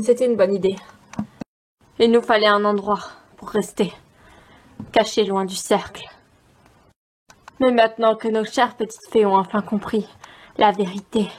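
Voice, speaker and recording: A woman's voice: mid-range voice, darkish tone, close to an everyday voice. A woman playing scheming, bossy young witches plotting in secret in an amateur audio drama.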